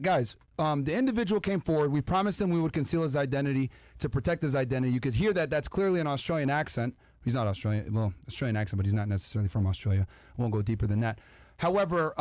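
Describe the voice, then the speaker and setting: A man's voice: mid-range voice, a little mellow, no room sound. A man hosting a podcast, commenting on video clips and speaking emphatically and directly to his viewers. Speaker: podcast host.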